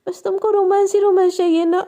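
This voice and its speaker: A bashful young woman who scolds and fusses in a very high voice, as a woman storyteller puts her on. Her tone is soft and mellow, never harsh, even while she pushes her partner away in a Hindi storybook-style tale. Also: a little fast. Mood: scolding. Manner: scolding, bossy.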